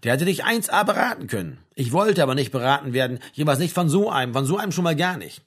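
A man's voice: fairly high pitch, lively intonation, quick pace. A man reading an audiobook, voicing a cocky, provocative young man who needles and argues. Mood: sullen. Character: brash, provocative young man, stubborn and mouthy.

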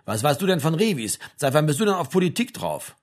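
Guy doing a fed-up young dude telling his buddy off, bit husky. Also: on the high side, sing-song, a little fast. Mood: exasperated. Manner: scolding, exasperated. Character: exasperated young man on the sofa, eager to please. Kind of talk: audiobook character reading.

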